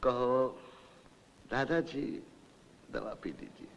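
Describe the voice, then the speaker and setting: A man's voice: a little high, big pitch swings, slow, a bit bright, dull audio, heavily acted. An actor playing a playful, lonely elderly rich man who teases and laughs in a 1970s Hindi film. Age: older. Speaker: wealthy mill owner. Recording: old film soundtrack with long reverb.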